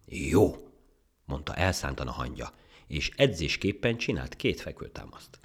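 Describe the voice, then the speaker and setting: A man reading a children's fable aloud as narrator, with expressive storytelling. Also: a bass voice, slightly rough.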